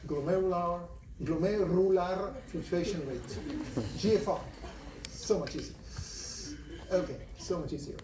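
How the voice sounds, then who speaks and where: Recorded by a phone from the audience seats, this distant, roomy lecture hall capture features a man with an Israeli accent teaching a large university class. He speaks conversationally and frequently questions students, in a high voice with a dark tone, over slight background noise.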